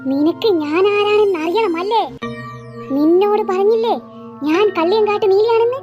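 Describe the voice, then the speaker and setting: A performer voicing a bloodthirsty ghost that has taken a girl's shape, speaking in slow, low, gloating threats. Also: dull audio, music in the background. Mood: menacing. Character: menacing ghost girl, bloodthirsty and sneering. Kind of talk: cartoon voice acting.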